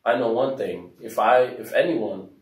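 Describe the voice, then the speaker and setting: A man from Africa telling a story in a casual discussion, soft-spoken with many fillers. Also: medium pitch, unhurried. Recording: roomy echo, mic at a distance.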